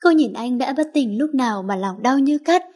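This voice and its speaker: A woman narrating a romance story in a steady, even reading voice. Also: sits high, normal speed.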